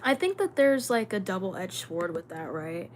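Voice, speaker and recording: Young woman, livestream host, quick rambling chat, filler words, average pitch, faint background hiss. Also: sing-song. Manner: fast, rambling talk with many fillers. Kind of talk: casual livestream chat with viewers.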